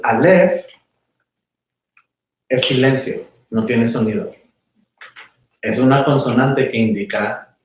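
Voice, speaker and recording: A man teaching a small class in a relaxed, conversational way, often checking that his students follow. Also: medium pitch. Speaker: meditation teacher. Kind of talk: casual class lecture. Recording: very echoey room, mic far off.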